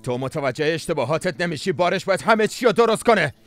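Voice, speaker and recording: A man's voice: medium pitch, animated, faint music behind, close to an everyday voice. An actor dubbing a young husband caught between his wife and his mother, scolding and pleading in turns. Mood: tense. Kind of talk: Persian dubbing of a drama series.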